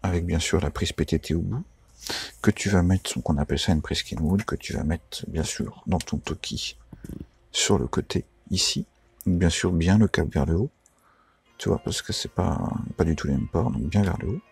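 A man talks through a casual how-to tutorial in a very low, gravelly voice, chatty and informal, often pausing on fillers and correcting himself. His tone is rough and husky throughout. Faint music plays behind him. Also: darkish tone, no room sound. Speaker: radio tutorial maker.

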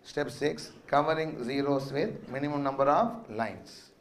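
A man's voice: medium pitch, unhurried, slight background noise. A middle-aged man with a South Indian accent lecturing a maths class, repeating phrases for note-taking and quizzing students. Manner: quizzing, prompting questions to students. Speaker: maths teacher.

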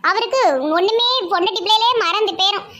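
A woman voicing a warm, chatty village woman with a Tirunelveli Tamil accent. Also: very high-pitched, steady tone, fast talker, a crowd in the background. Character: warm-hearted village woman, young aunt.

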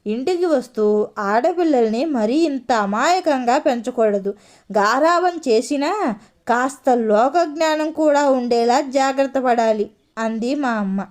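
A woman narrating a humorous story in an unhurried, conversational way. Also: high-pitched, darkish tone.

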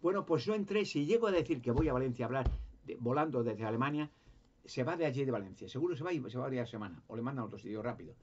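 A man's voice: mid-range voice, animated, racing, darkish tone, muffled recording, a little hiss or hum. A man telling his own story in a rambling monologue, often stammering and repeating words as he searches for them. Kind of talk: rambling first-person monologue.

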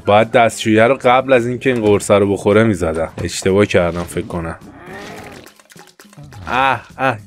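A young man with a fairly low voice talks through a video game in casual commentary. He trash-talks the game character and jumps sharply higher when he panics. Faint game music plays under his voice. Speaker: gameplay commentator. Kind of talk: casual let's-play commentary.

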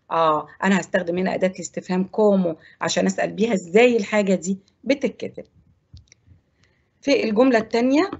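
A woman with an Egyptian Arabic accent teaches a televised Spanish class. Her voice is slightly husky, and she walks through the rules step by step, repeating words slowly. The broadcast sound is dull and lo-fi. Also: fairly low pitch.

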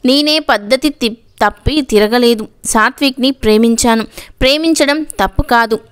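A woman's voice: on the high side, normal speed, clean tone, lightly acted. Woman reading as a defiant young daughter. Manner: firm, defiant.

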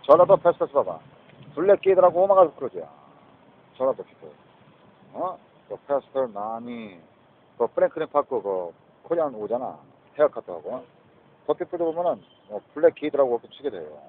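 Over tinny, phone-quality audio with a little noise, a man in a mid-range voice delivers a rambling monologue to his viewers. His delivery is sing-song and moderately paced, with frequent pauses. He mixes English into his Korean and often asks "eh?".

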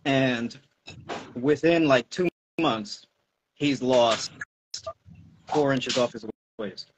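This middle-aged fitness coach from the US answers questions informally on a home video call, drawing out his words in a mid-range voice. The wired earphones give dull, muffled audio, and there's slight background noise.

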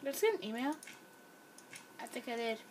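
A young woman hosts a gameplay video, chatting and rambling casually as she plays, recorded by a camera pointed at a screen. Her voice is a little high, sing-song, a little fast and slightly mellow, with a little hiss or hum in the audio.

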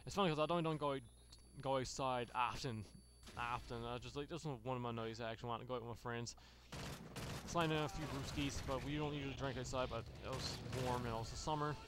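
A gaming channel host with a mid-range voice talks fast, spinning a long, loose, profane story full of restarts and fillers while he plays. Video game gunfire sounds behind him, adding background noise.

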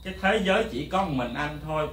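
A man teaching a drum lesson, lecturing bluntly and rambling, counting beats out loud. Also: a little high, lively intonation, a little fast, a little hiss or hum. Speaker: music teacher. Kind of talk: drum lesson, talking to camera. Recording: echoey room, mic at a distance. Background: faint drums and music.

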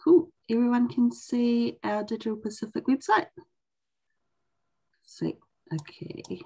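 A woman's voice: a little high, lively intonation, takes it slowly, creaky, darkish tone. A young woman casually presenting as host of an online session. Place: indoors on a video call.

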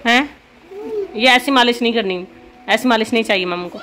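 A woman, a mother and family vlogger, chatting casually to camera and talking firmly but gently to her kids. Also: on the high side, fairly quick, crowd noise. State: tired from walking. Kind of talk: casual vlog chat. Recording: noisy background.

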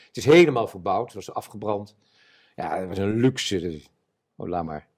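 A man in his seventies, an eyewitness telling his war memories in an interview before an audience, animated and acting out the voices of others. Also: fairly low pitch, moderate pace, husky. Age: 70s. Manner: animated storyteller, acts out quoted voices. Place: stage before a live audience.

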